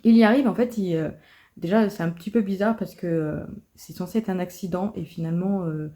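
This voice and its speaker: Woman, casual vlog chat, mellow warm tone, chatty with many fillers and restarts. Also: lowish voice, fairly quick. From France. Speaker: book and coloring vlogger.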